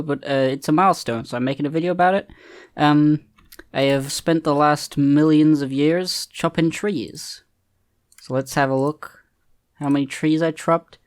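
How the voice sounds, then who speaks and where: A man's voice: fairly high pitch, steady tone, moderate pace, smooth. A man giving casual, hesitant commentary over his own gameplay, full of ums and restarts, easily amused at himself. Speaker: gaming video creator.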